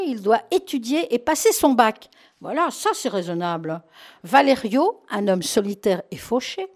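A woman's voice: fairly high pitch, a little mellow. A woman talking casually on a radio show about a film, chatty with many fillers and laughs.

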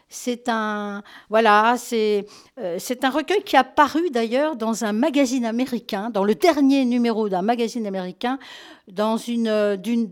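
A woman with a somewhat high voice hosts a relaxed chat. She talks in a friendly, familiar way, with plenty of fillers, restarts and quick corrections. She addresses her listeners warmly as she goes. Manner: chatty, full of fillers and self-corrections; affectionate toward listeners. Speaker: host presenting film releases. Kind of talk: casual radio-style chat.

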